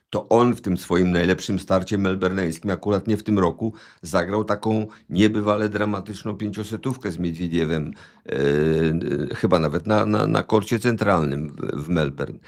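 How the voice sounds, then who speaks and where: Low-voiced analytical male tennis pundit. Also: expressive, normal speed. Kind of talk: casual sports chat.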